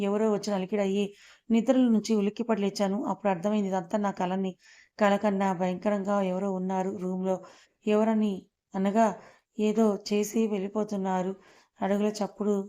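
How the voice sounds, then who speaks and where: A woman reads a first-person audio story aloud in a steady, unhurried way. Her voice is mellow and soft-edged, held within a narrow, level pitch band. The delivery stays calm and measured from line to line.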